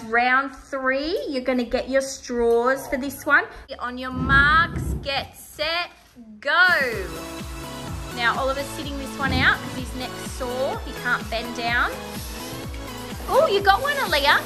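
A woman's voice: high-pitched, measured pace. A woman casually hosting a family game challenge indoors, with chatty, encouraging commentary. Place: indoor dining room around a table at home. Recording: home video with loud background music.

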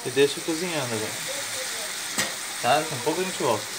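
Speaking fast with lively intonation, this southern Brazilian man shows off a home recipe, joking casually and explaining in colloquial terms. His pitch runs high, and heavy background noise from sizzling pans and stirring fills the kitchen.

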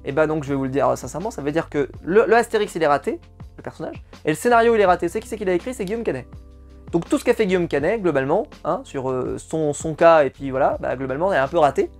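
A man's voice: a little high, lively intonation, quick pace, soft background music. A man giving a casual, exasperated spoken film review, often repeating words for emphasis. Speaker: film critic.

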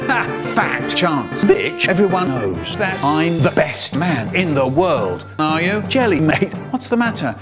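A man's voice: very animated, a little slow, over loud music, a loud crowd. A man whose speech is spliced together word by word from recordings, so it sounds choppy and boastful in a comic rant. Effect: spliced together words cut from recordings, pitch and loudness jumping between words. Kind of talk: comic sentence-mixing rant.

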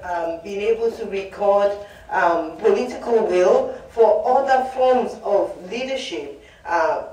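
A committee member giving panel remarks with measured, deliberate phrasing. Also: medium pitch, darkish tone. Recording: very echoey room from far off.

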